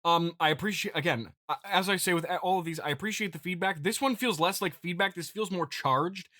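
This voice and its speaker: A podcast host improvises a comedic monologue while reading listener feedback, his voice forceful, bright, and fairly high. He speaks haltingly, restarting and repeating words with mock-earnest grievance. The recording is dry and close, with no room sound.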